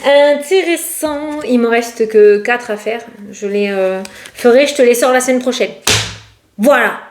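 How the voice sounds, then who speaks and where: A woman's voice: on the high side, unhurried, slight background noise. Chatty woman in an echoey room. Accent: regional French. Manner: chatty, laughs often, rambling. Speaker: tarot card reader. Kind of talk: casual tarot reading vlog.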